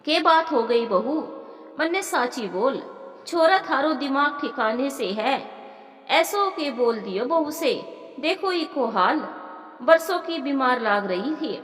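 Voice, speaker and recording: A woman voicing a stern, sharp-tongued old village mother-in-law with a Rajasthani accent, in a storybook narration. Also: sits high, lively intonation, slow, exaggerated voice. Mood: scolding. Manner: scolding, blunt village dialect. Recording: roomy with long reverb.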